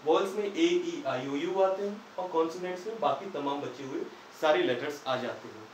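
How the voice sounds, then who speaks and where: A man's voice: on the high side, expressive, normal speed, slight background noise. A man teaching English grammar in Hindi, patiently asking questions and answering them himself. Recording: echoey room, far from the mic.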